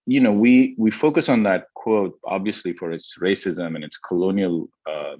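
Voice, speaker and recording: A man from Pakistan, a historian speaking thoughtfully in an academic conversation, often pausing with fillers and restarting his sentences. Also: low voice, mellow, dry recording, muffled recording. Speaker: historian guest.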